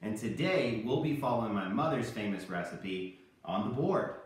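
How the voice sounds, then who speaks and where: Filmed in a home kitchen by a camera several meters away, this children's cooking show host is a man in his thirties with a fairly low voice at a normal pace. He acts as the lively straight man, delivering scripted instruction and trading jokes with a puppet. The distant mic catches heavy room echo.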